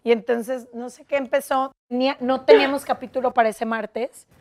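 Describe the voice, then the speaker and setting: A young Mexican woman, her voice a little on the high side, tells a story in a casual chat. She is blunt and matter-of-fact, never raising her voice. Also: fairly even intonation, moderate pace, darkish tone. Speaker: podcast co-host, guest.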